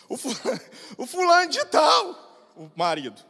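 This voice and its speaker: A man São preaching a sermon as pastor, swinging between shouted exhortation and quiet storytelling. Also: extremely high pitch, wildly swooping pitch, slow pace, vocal fry. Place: large church hall. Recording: long church-hall reverb.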